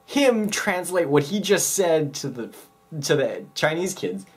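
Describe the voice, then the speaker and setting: A man's voice: fairly high pitch, very animated, a little slow, husky. A young man telling a school story in casual vlog chat, rambling with many fillers. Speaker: vlogger.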